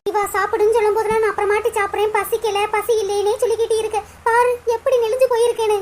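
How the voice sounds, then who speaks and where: A fretful mother from a cartoon, voiced by a performer, talking fast in an extremely high, squeaky voice. She nags and pleads with her grown son. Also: level tone, a little hiss or hum. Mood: nagging. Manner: pleading, nagging.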